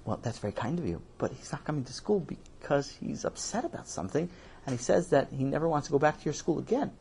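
A man voicing a soft-spoken, worried father who talks quietly and hesitantly in a children's audio story. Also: on the high side, very animated, quick pace, gravelly, slight background noise. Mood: subdued.

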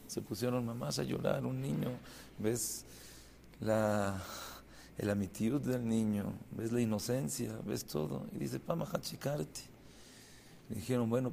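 A man, a rabbi, giving a Torah class in Spanish as an animated storyteller, acting out the people's words. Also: mid-range voice, vocal fry, slight background noise. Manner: animated storyteller, acts out dialogue, rises to loud emotional peaks. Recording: distant echoey hall.

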